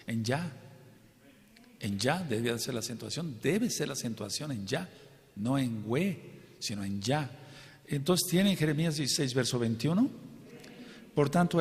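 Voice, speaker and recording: A man preaching a teaching sermon to a congregation, stressing and repeating key points and asking his listeners questions. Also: mid-range voice. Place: congregation hall. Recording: long hall reverb.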